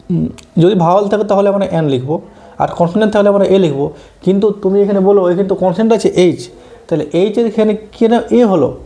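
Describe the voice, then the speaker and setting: A man's voice: sits high, warm tone. A man teaching an exam-prep English grammar lesson, explaining step by step and often checking that students follow.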